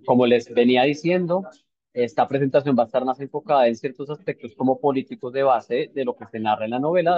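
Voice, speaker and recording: Hesitant and reflective, a mid-range male voice talks a book club through a novel, leaning heavily on fillers and tag questions in a casual discussion. There's no room sound, but the audio is dull and lo-fi.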